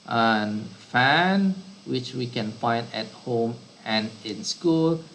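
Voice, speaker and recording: Slow, repetitive teacher. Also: male voice, mid-range voice, fairly bright tone, slight background noise, rough recording. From Brunei. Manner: repeats and rephrases himself. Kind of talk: slow online science lesson.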